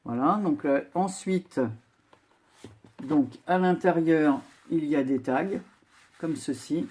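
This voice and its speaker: An older woman chatting casually as she shows a handmade craft project, unhurried with many filler pauses. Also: sits low, a little mellow, slightly rough. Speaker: crafting vlogger. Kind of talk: casual show-and-tell craft video.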